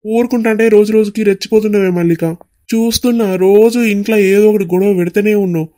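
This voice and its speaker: A man playing a quick-tempered husband in a cartoon comedy, barking threats in a Telangana Telugu accent. His voice sits high and rushed, with a mellow, dark tone. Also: steady tone, lightly acted. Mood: furious. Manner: scolding, shouting threats. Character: angry young husband, hot-tempered and bossy. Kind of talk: cartoon voice acting.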